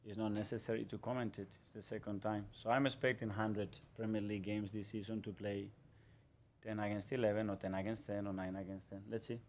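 A man in his forties, a football manager answering questions at a press conference in a measured, guarded way. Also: lowish voice, little pitch movement, a little mellow, slight background noise. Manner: measured, guarded, repeats phrases. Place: press conference room in front of a sponsor backdrop. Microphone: table microphone.

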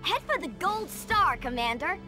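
A woman playing a brisk, upbeat army brigadier who gives commanding instructions like a military radio communicator in a video game. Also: very high-pitched, very animated, pushed and bright, full character voice. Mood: brisk, welcoming. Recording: game music behind the voice.

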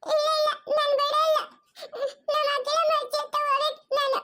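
A woman's voice: level tone, fairly quick, bright, forceful tone. A woman voicing a frightened little lost girl who cries and pleads in an amateur family skit. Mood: crying, pleading. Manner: crying, pleading, shrill.

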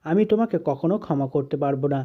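A man's voice: on the high side, quick pace, dull audio, close to an everyday voice. A man playing a cold, unforgiving young husband. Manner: curt, accusing.

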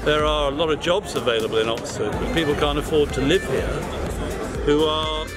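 An older man answers street questions in a measured, matter-of-fact tone. His voice is a touch high. Heavy street crowd noise and loud music sit behind him. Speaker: interviewee. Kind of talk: street interview. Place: busy shopping street outdoors.

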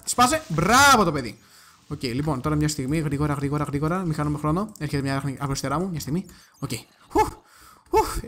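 A young man with a high voice, running a gaming channel. He keeps up chatty let's-play commentary and talks straight to his viewers. Now and then he breaks into sudden excited yelps. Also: a little hiss or hum.

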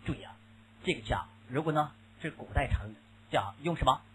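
A man's voice: fairly high pitch, expressive, brisk, crowd noise, rough recording. A man teaching an English lesson in Mandarin Chinese, mixing in English words and often asking the class questions, with a Mandarin Chinese accent. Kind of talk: classroom lecture.

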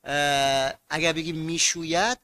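Bright-voiced man teaching a class. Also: fairly high pitch, steady tone, clean tone, no room sound. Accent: Mashhad. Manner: explains patiently, asks students questions and answers them himself. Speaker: Arabic grammar teacher. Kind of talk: online class lecture.

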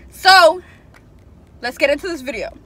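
A young woman chatting casually to camera as a vlogger, expressive and loose, with plenty of fillers. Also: on the high side, moderate pace, noisy background. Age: young adult. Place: room at home.

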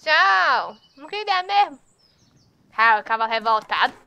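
A woman's voice: high-pitched, normal speed, bright, forceful tone, highs cut off. A woman giving casual, chatty gameplay commentary and teasing the characters on screen. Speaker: gameplay youtuber.

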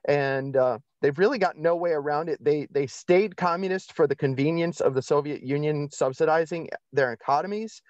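The podcast guest's voice here is a little high with a darkish tone, moving at normal speed with few pauses and no echo. He explains and tells stories emphatically in conversation, often correcting himself, and the lo-fi recording sounds slightly dull.

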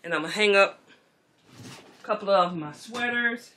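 Tidying up her beauty room in a bedroom, this middle-aged woman talks to viewers at a normal speed in a mid-range voice. She's a relaxed, chatty beauty vlogger who addresses them as "y'all," and the moving camera mic picks up background noise.

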